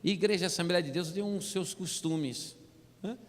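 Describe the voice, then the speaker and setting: A man with a Brazilian accent giving a humorous church testimony, animated and constantly addressing the listeners as brother. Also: high voice, normal speed. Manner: animated storytelling, keeps calling listeners "brother". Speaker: testimony speaker. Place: church hall. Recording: reverberant church hall.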